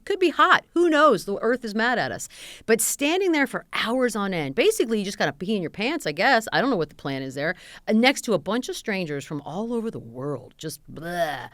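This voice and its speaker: Animated, sarcastic woman co-host. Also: mid-range voice, dry recording. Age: 40s. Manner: sarcastic, blunt, lively. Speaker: podcast co-host. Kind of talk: casual chat.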